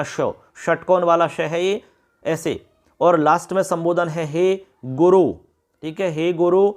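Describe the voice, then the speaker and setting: A man teaching Sanskrit word forms for exams in speech, drilling the forms in a rhythmic sing-song chant. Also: a little high. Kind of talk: exam-prep lesson with chanted recitation.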